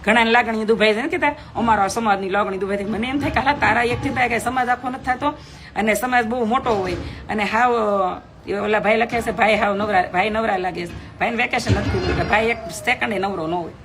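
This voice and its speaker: A woman's voice: a little high, quick pace. A young woman, streaming live from her home, talking outspokenly and emphatically to viewers and reading their comments aloud. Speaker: live video host.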